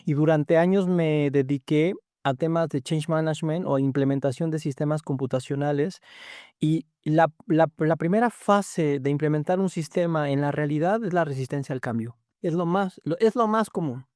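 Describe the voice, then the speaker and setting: Male guest, 50s, lively storyteller who voices his students, warm dark tone, dry close sound. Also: on the high side, moderate pace, dry recording. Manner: animated storytelling, acts out quoted students. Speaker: guest lecturer. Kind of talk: conversational interview.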